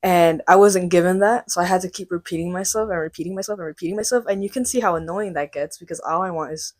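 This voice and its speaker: Animated young woman telling a story. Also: lowish voice, fast. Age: 20s. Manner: animated storytelling, acts out quotes. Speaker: podcast co-host. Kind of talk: casual chat.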